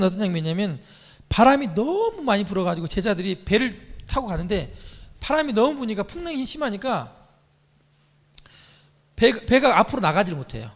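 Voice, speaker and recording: Animated high-voiced man preaching in a hall. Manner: animated storytelling, quizzing listeners. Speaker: church teacher. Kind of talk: sermon to a congregation.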